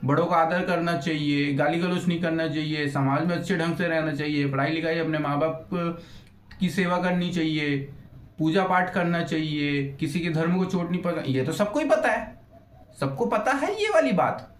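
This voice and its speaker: A young male YouTuber rants through an unscripted roast, blunt, crude and swearing freely, losing his thread as he rambles. His voice is on the high side at a normal speed, and the room sounds echoey.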